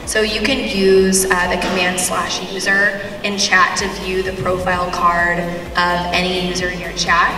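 A woman moderating a panel at a convention, explaining tools in a steady way. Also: on the low side, unhurried. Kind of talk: presenting a conference panel. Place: large convention hall stage. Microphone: table mic, far from camera. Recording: echoey hall from far off. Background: music in the hall.

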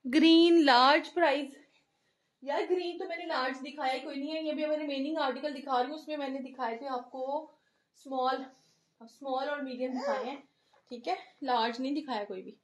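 High-voiced Pakistani woman selling clothes live. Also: steady tone. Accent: Pakistani Urdu. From Lahore, Pakistan. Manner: brisk, chatty, reeling off sizes and prices. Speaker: online clothing seller. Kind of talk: live-stream sales patter.

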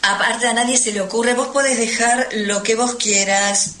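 A woman with a somewhat high, steady and slightly bright voice speaks at a moderate pace as a radio interview guest, describing her travels. Argentine-born with an Argentine Spanish accent, she is conversational and emphatic, repeating words to stress them. The audio has faint noise and a roomy echo.

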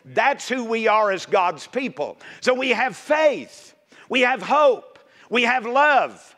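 Male pastor, high bright voice, folksy sermon that builds to emphatic calls, nearly empty church. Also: sing-song, slow. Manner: folksy preaching, rising to emphatic exhortation.

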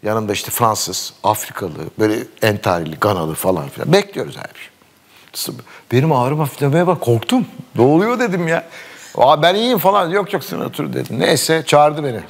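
Animated middle-aged man telling anecdotes. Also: medium pitch, brisk, gravelly. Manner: animated anecdote-telling, quoting dialogue and laughing often. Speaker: sports commentator guest. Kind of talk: casual storytelling chat.

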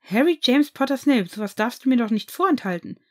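A woman reading aloud as an excitable teenage boy, asking eager, lively questions. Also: on the high side, fairly quick, slightly rough, pitched above the performer's own voice. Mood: excited.

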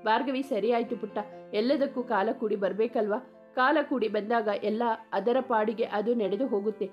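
A woman reading the lines of a gentle older mother in a story, speaking tenderly. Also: fairly high pitch, steady tone, brisk, lo-fi sound, soft background music, close to an everyday voice. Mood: affectionate.

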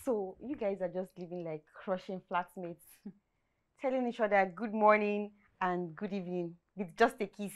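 An actress playing a playful, teasing best friend with a Nigerian accent. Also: female voice, medium pitch, normal speed, close to an everyday voice. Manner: playful, cheeky.

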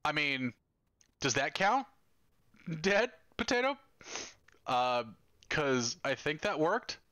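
Guy streaming a game, cusses a lot, bright sharp voice, dry close sound. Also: on the high side, takes it slowly, no room sound. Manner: profane, excitable, talks to chat. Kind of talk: casual live gameplay chat.

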